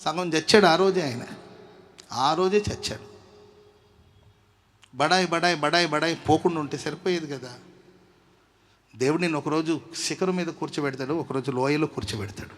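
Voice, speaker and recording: A male pastor preaching a sermon, swinging from hushed asides to loud exhortation and calling the congregation to shout hallelujah. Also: fairly high pitch, normal speed, pauses often, a little hiss or hum. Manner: calls on the congregation to say amen and hallelujah. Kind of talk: Telugu sermon. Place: church service with congregation.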